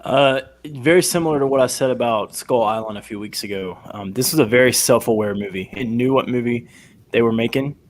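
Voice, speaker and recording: A man's voice: medium pitch, brisk. A man in casual chat, speaking hesitantly with many restarts.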